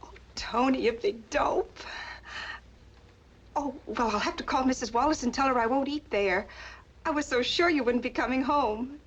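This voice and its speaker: A woman's voice: sits high, fairly quick. An actress playing a devoted, lonely policeman's wife in a 1940s film noir style. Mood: loving. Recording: dull old film soundtrack.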